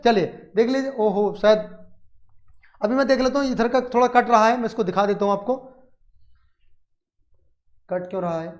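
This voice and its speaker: A man with an Indian accent teaching a grammar lesson, asking and answering his own questions and dictating slowly word by word. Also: high voice, roomy sound. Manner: explains in Hindi mixed with English, asks and answers his own questions.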